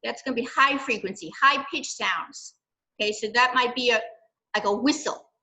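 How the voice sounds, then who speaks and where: Bright-voiced older woman teaching children. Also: a little high, normal speed, poor audio. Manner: gentle, explaining with frequent "okay" and "right". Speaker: library science program leader. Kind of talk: children's science lesson.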